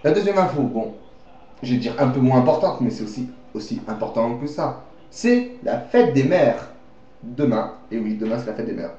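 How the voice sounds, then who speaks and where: A man's voice: medium pitch, a little fast, mellow. Rambling man playing news anchor on webcam. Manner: rambling, joking, often correcting himself. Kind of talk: home-made mock news bulletin. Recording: dull, echoey webcam recording.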